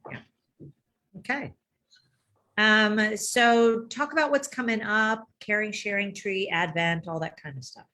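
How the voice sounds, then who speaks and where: A woman's voice: medium pitch, measured pace, bright, forceful tone. A woman pastor in casual chat, her voice jumping up on the words she stresses.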